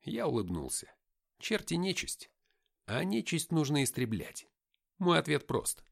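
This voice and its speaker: Expressive male audiobook narrator. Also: a little high, measured pace, creaky, husky. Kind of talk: first-person audiobook narration.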